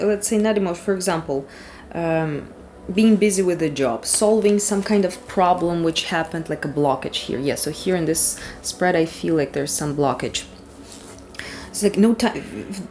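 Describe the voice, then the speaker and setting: A Ukrainian woman gives a casual tarot reading in English, her non-native speech carrying a Ukrainian accent; her first language is Ukrainian or Russian. She rambles frankly and swears casually. Her voice is on the low side with a darkish tone, and there's a little hiss or hum.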